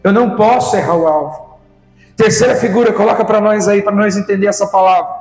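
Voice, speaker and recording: High-voiced Brazilian pastor preaching passionately. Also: male voice, brisk, darkish tone, reverberant, big-room sound. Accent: Brazilian Portuguese. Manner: impassioned preaching, rhetorical questions to the congregation. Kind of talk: sermon.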